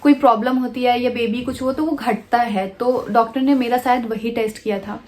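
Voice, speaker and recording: A woman vlogger telling a personal story in a soft, hesitant way, pausing often with fillers and restarts. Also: on the high side, steady tone. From India.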